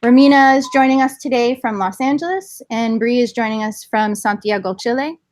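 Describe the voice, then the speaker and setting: A woman moderating a panel at an event, introducing the speakers with frequent ums in a relaxed, friendly way. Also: on the high side, brisk. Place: indoor event room.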